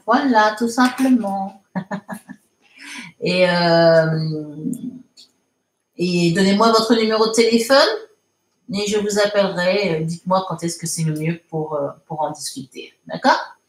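A woman's voice: on the low side, roomy sound. A woman teaching English in a live online lesson, patiently reading out viewer comments and correcting them step by step. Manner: slow, patient, explains step by step, frequent fillers.

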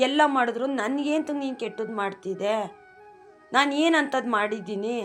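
A woman speaks to her followers in a heartfelt devotional talk, her voice sitting at an ordinary middle pitch. She sounds earnest and emotional, often pleading as she explains. Soft music plays faintly behind her. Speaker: devotional video host.

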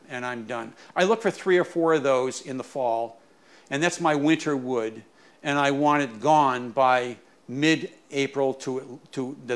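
A medium-pitched man, a woodturner, gives an informal tour of his small garage workshop, explaining as he goes. He halts often and repeats words while he talks.

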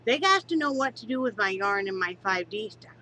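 A congested woman in her fifties from Wyoming vlogs casually from her living room couch, talking candidly into a close-range webcam and swearing freely before turning somber and quiet. Her medium-pitched voice is brisk with lively intonation, and the low-quality recording carries slight background noise.

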